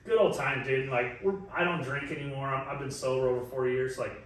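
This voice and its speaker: A man's voice: mid-range voice, fairly even intonation, a little fast, fairly bright tone. A man of forty telling a long story in a casual chat, laughing often and swearing freely. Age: 40s. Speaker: podcast co-host. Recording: echoey room, mic at a distance.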